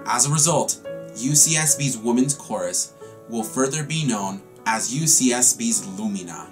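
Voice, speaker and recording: A man's voice: medium pitch, normal speed, faint music behind. A young man reading a formal, scripted introduction for a university choir program, recorded at home on a webcam. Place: small room at home.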